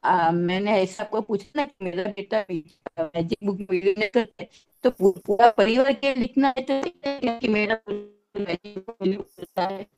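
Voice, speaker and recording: A woman's voice: mid-range voice, measured pace, darkish tone, soft background music, rough recording. Woman caller on a breaking-up line. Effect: breaking-up call connection. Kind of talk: live call-in question.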